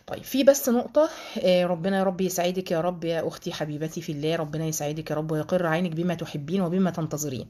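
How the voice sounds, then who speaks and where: A woman's voice: on the low side, very fast, warm tone. A woman with an Egyptian Arabic accent giving a live online religious lesson to a women's group, chatty and affectionate, blessing her students by name. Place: home, live video stream.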